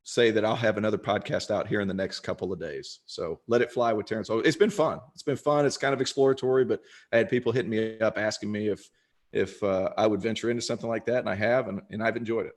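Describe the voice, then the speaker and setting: A man's voice: on the low side, fairly even intonation, fast talker. A young man and former college player talking casually in an interview, chatty and self-deprecating, with frequent restarts. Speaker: podcast host and former college basketball player.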